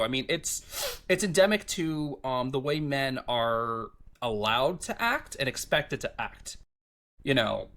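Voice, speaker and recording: Lively rambling man in his thirties. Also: mid-range voice. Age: 30s. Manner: rambling, self-reflective, filler-heavy. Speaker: podcast host. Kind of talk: casual chat.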